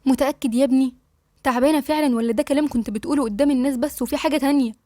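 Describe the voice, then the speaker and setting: A woman's voice: high voice, steady tone, rapid-fire, warm tone, no room sound, studio quality, natural voice. A woman voicing a worried, probing Egyptian mother. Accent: Egyptian Arabic. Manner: probing, suspicious questions.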